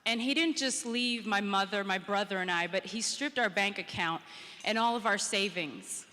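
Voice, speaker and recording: Woman, 30s, storytelling keynote speaker, crisp bright voice, reverberant hall. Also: medium pitch, normal speed. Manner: storytelling, acts out quotes with rising energy. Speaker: public speaker. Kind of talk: motivational conference speech. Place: conference hall, indoors.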